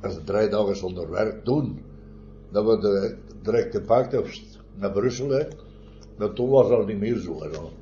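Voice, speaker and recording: An older man with a lowish voice tells long, rambling stories in an oral history interview. He keeps adding little tag questions and soft chuckles. The recording is muffled, with a faint hiss underneath. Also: normal speed. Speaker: former miner interviewee.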